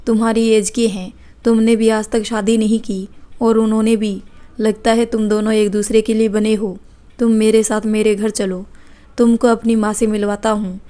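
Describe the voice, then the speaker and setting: A woman's voice: mid-range voice, little pitch movement, moderate pace, dark tone, natural voice. Woman playing a cheeky, teasing young man. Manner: cheeky, joking banter.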